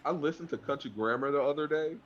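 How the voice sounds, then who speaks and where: A man with a husky, slightly breathy voice and a middle pitch. His audio sounds dull and lo-fi, as on a stream call. He talks in a laid-back way with dry, wry humor. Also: fast. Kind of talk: casual chat.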